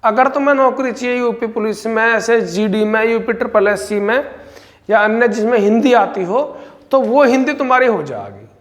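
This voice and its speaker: A man teaching a Hindi exam-prep lesson, briskly repeating points and calling his students brother. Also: very high voice, lively intonation, big-room sound.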